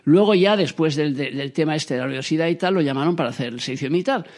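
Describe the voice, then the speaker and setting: Speaking super fast in a slightly high voice, a man recounts a tale about his father. He keeps it animated, performing the quoted lines in little character voices and frequently starting over.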